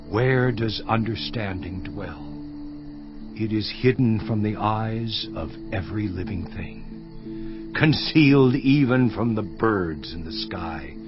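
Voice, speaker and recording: An actor playing Job, an aging afflicted man, declaiming scripture slowly and solemnly in a dramatized audio Bible, over a dull, lo-fi recording with faint music behind. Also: mid-range voice.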